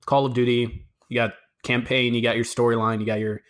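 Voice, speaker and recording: A young man co-hosting a podcast, joking and teasing with animated storytelling. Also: medium pitch, brisk. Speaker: podcast co-host. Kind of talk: casual chat.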